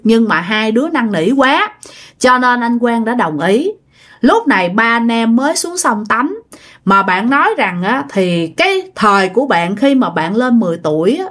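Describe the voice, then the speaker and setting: Chatty woman storyteller. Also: fairly high pitch. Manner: chatty, addresses listeners directly, many fillers. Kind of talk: conversational ghost story narration.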